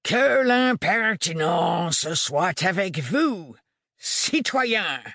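A man voicing a fiery rebel leader who gives a slow, booming speech in an audiobook. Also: big pitch swings, creaky, sharp tone, no echo, clean studio sound, heavily acted. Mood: rousing. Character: fiery male rebel leader, small but thundering. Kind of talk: audiobook reading.

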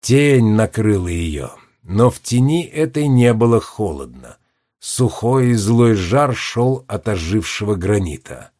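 A man narrating a storybook with expressive delivery, dipping his voice low for menacing passages. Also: a little slow. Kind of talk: audiobook narration.

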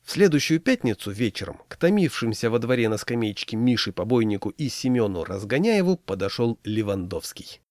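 Expressive man reading a humorous story. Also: medium pitch, brisk, few pauses, dry recording, clean studio sound. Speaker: narrator.

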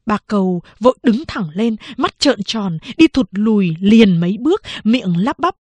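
A woman reading a novel aloud as an audiobook narrator, measured and steady. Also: medium pitch, dry recording.

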